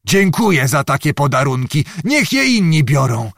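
A man's voice: a little high, big pitch swings, normal speed, gravelly, a bit bright, no echo, studio quality, heavily acted. A man voicing a boisterous, jesting old nobleman who blusters, swears and cracks jokes in an audiobook reading. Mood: grumbling. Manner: blustering and exclamatory, full of oaths and quips.

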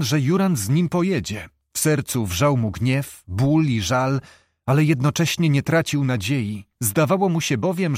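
Man, audiobook narrator, measured and steady, medium-pitched, dry close recording. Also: no room sound. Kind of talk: scripted narration of a historical novel. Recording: dry close studio sound.

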